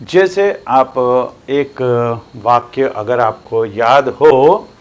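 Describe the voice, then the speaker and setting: A man's voice: medium pitch, expressive, drawn-out words. An older man with an Indian accent teaching a classroom maths lesson, explaining patiently with emphatic stresses.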